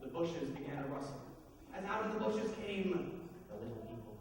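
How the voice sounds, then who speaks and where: A man telling a folktale to children in an animated, playful, expressive way, recorded from afar in an echoey hall. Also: on the high side, moderate pace, distant mic, background noise. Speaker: storyteller.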